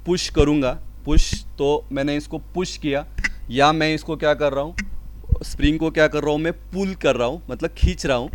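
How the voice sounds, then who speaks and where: A man teaching school physics in a lecture, explaining step by step, asking and answering his own questions, and reading out definitions slowly. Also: fairly high pitch. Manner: mixes Hindi with English terms, reads definitions slowly. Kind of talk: classroom lecture.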